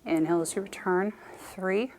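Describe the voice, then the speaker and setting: A woman's voice: medium pitch, normal speed, a little mellow, a little hiss or hum. A woman Pilates instructor leading a guided workout, cueing movements and counting down reps while she exercises along.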